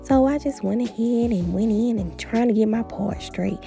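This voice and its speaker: A woman's voice: a little high, normal speed, vocal fry, faint music behind. A woman vlogging a hair tutorial at a family home, chatty and playful, talking straight to her viewers. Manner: animated, playful, talks straight to viewers with "honey" and "baby".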